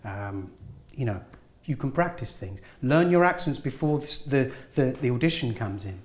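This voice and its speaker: A man's voice: medium pitch, expressive, moderate pace. A man, a guest actor, giving earnest, encouraging advice in a casual interview. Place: film studio at a school event. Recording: roomy, echoey room.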